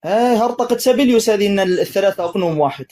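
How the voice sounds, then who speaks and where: A man's voice: sits high, expressive, very fast, a little mellow. A man, a sheikh, debating religion, pressing his opponent with repeated insistent questions and sarcastic jabs. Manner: mocking, sarcastic.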